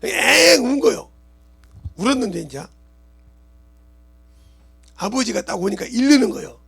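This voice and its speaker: Middle-aged male pastor preaching, high and lively pitch, shouts, then drops low, quizzes the congregation. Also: normal speed, gravelly, slightly rough, soft background music. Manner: swings from loud shouting to quiet murmurs, asks the congregation questions. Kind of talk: sermon.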